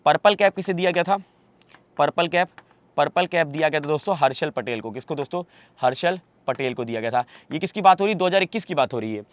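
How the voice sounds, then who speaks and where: A man teaching a live quiz class for exam preparation. He fires quick questions at viewers, repeats each answer, and reads English questions slowly before translating them. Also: on the high side, animated.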